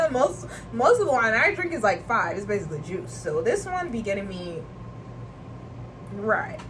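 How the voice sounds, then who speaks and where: A young woman from Nigeria rambles through a casual vlog chat, full of slang and quick laughs. Her voice sits a little high. A clear background noise runs under the home recording. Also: big pitch swings, low-quality recording. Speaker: vlogger.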